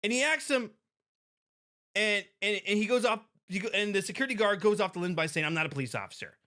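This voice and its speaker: A woman's voice: medium pitch, fairly quick. A woman hosting a podcast, commenting casually and emphatically on a video clip as a private security expert, with many restarts. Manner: animated and emphatic, with frequent restarts and laughs.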